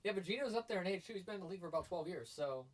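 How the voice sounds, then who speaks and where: A man's voice: high-pitched, very fast. A man co-hosting a sports podcast, chatting casually and getting emphatic and hyped as he argues his points. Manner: energetic and emphatic, gets loud and hyped.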